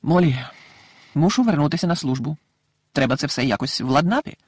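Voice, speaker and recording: A man voicing a tired, patient middle-aged wizard father who talks in a calm, sighing way, in an audiobook. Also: fairly high pitch, brisk, dry recording. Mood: weary.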